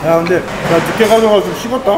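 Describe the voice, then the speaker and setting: A man's voice: high-pitched, fast talker, noisy background. A young man playing a senior soldier in casual comic banter over a meal, bossy and grumbling. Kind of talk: improvised military role-play banter over a meal. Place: cafeteria, indoors. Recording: echoey room with loud music. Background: loud music.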